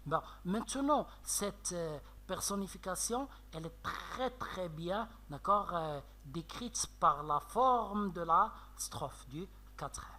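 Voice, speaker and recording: A man teaching a French literature lesson with a Moroccan French accent, explaining slowly with many fillers and checks of "d'accord?". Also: sits high, animated, bright, forceful tone. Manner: slow, explanatory, frequent "euh" and "d'accord?". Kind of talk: classroom lecture on poetry analysis.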